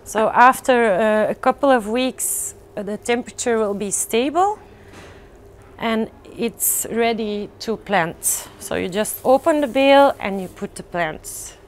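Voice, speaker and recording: This rooftop farm guide speaks in a slightly high voice over faint background noise, recorded on a lapel mic. She leads a casual garden tour, stumbling along with frequent "uh"s and restarts.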